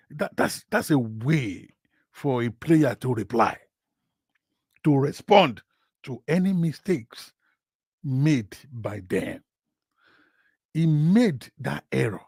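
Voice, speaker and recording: Slow, gravelly man talking football. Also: on the high side, no echo, studio quality. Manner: asks rhetorical "what?" questions and answers them himself; repeats words and phrases, with many fillers. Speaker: football vlogger reading viewer comments. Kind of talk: casual live commentary.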